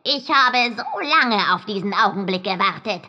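A woman voicing a vengeful, spiteful female fog fairy with a clanking, metallic, robot-like voice, speaking slowly and coldly. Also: mid-range voice, animated, sharp tone, lo-fi sound, voice pushed up. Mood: cold, mocking. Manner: slow, cold and mocking.

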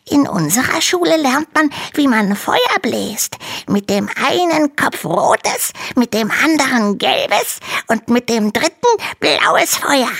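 A woman voicing a tiny, timid young male dragon in a storybook reading, squeaky and whimpering as he pleads. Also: expressive, slow pace, gravelly, few pauses, a bit bright, slightly rough, exaggerated voice. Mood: eager pleading.

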